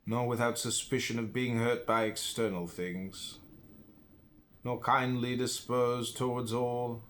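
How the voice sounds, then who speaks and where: An American audiobook reader with a mid-pitched, fairly bright voice reads philosophical prose aloud. He shapes his phrases deliberately and emphatically, separating them with pauses in a narrator's style.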